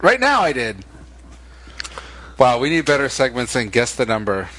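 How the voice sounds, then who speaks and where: A man co-hosting a casual late-night podcast chat, teasing his partner with deadpan jokes. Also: medium pitch, moderate pace. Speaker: podcast co-host.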